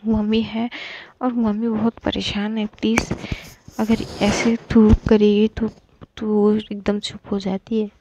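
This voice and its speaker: A woman voicing a calming young woman friend who speaks in a soothing, hushed way, in a storybook reading. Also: medium pitch, takes it slowly, highs cut off, background noise.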